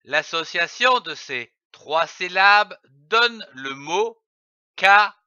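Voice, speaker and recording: A man teaches early reading at a very slow, deliberate pace, spelling out each syllable with careful, over-articulated diction. His voice is high, bright and smooth, and it rises and falls widely. The recording is dry but a little dull and lo-fi. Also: lively intonation, no echo.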